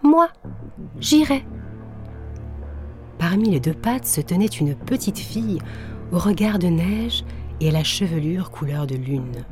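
A woman narrating a children's story in a gentle, measured way. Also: lowish voice, soft background music.

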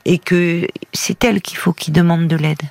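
A woman hosting a call-in advice radio show, counselling a caller in a calm, firm way with many hesitations. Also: on the low side, moderate pace, gravelly, dry recording. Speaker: radio host.

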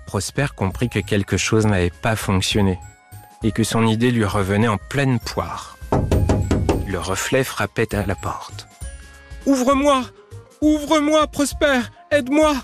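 A man reading a children's storybook aloud, lively and expressive, drawing words out. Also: fairly low pitch, measured pace, faint music behind.

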